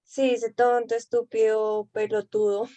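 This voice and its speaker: A woman's voice: on the high side, level tone, takes it slowly, warm tone, dry recording. A young woman student reading a passage aloud in class, with casual comments between lines.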